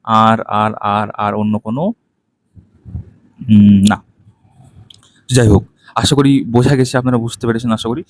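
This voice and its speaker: A man's voice: on the low side, flat delivery, dry recording. Man teaching a lesson, keeps saying right. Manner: tag question after nearly every point; counts items aloud slowly. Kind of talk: textbook walkthrough lesson.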